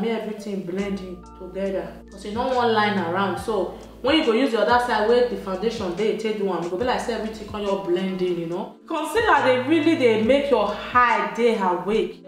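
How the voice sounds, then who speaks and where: A young Nigerian woman from Edo with a chatty, laughing manner walks through a casual makeup tutorial, slipping into Pidgin English. Her voice sits at a middle pitch for a woman and rings around a very echoey room, with soft music playing faintly behind her. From Nigeria, Benin City, Edo State. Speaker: beauty vlogger.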